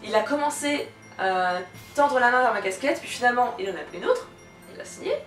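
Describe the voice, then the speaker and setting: A young woman telling a personal anecdote in a casual, animated, giggly and blunt way, her voice cracking slightly from shouting. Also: a little high, a little fast. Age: young adult. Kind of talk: casual storytelling vlog. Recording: echoey room, distant microphone. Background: faint music.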